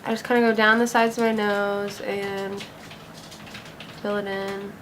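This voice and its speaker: A woman's voice: mid-range voice, little pitch movement, measured pace, fairly bright tone, slight background noise. A young woman talking casually through a makeup tutorial, upbeat and chatty, full of "like" and "gonna". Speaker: beauty vlogger.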